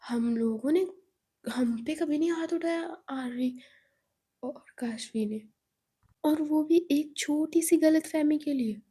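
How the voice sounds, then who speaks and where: A woman voicing a lively, outspoken young woman friend who talks in a chatty, emphatic way. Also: sits high, takes it slowly, pitched above the performer's own voice.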